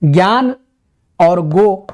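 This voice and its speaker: A man teaching Hindi grammar for an exam, explaining patiently, slowing down to recite verses and repeating key words for emphasis. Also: sits high, lively intonation, darkish tone, a little hiss or hum. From India. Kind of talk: exam-prep grammar lesson.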